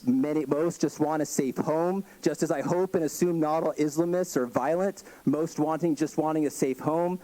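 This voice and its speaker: A man giving a measured, earnest public comment at a city council meeting, speaking deliberately into a podium microphone. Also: fairly high pitch, fairly even intonation, warm tone, poor audio. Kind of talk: prepared public comment speech.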